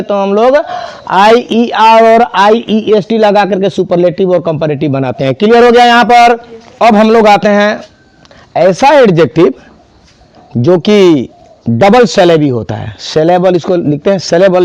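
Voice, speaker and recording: A man's voice: high voice, normal speed, darkish tone, dry recording. A man teaching an English grammar class, spelling words out and quizzing students. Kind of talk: classroom lesson.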